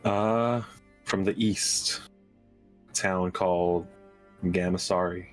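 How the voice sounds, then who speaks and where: Guy doing a terse traveler for a tabletop game, really slow, kinda deep, music behind him. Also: fairly even intonation. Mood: reserved, terse. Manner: laconic, slow-spoken. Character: terse wanderer from a small eastern town. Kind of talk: in-character tabletop role-play.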